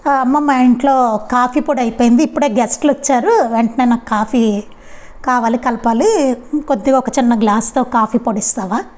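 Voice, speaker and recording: A woman's voice: fairly high pitch, moderate pace, darkish tone, close to an everyday voice. A woman voicing a neighbor woman who politely pleads for a small favor. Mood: pleading.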